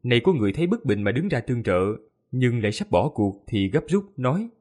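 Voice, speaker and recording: A man narrating a fantasy novel audiobook with lively, expressive storytelling. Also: medium pitch, brisk.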